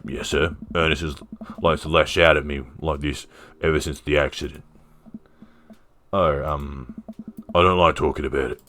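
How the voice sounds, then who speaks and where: A man voicing a laid-back, gruff dad from a dating game in a deep, dry, deadpan voice. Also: normal speed, long pauses.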